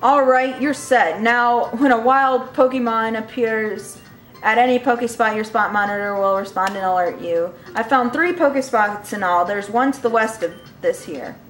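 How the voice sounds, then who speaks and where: A woman's voice: a little high, moderate pace, fairly bright tone, reverberant, faint music behind, natural voice. A woman voicing a boastful male inventor, reading game text aloud in a showman tone and now and then stumbling over words.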